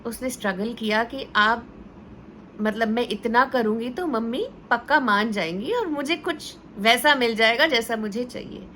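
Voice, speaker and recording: Woman teacher, bright and slightly high voice, chatty storytelling parenting advice. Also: unhurried, slight background noise. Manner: conversational, mixes English words into Hindi; storytelling with acted quotes.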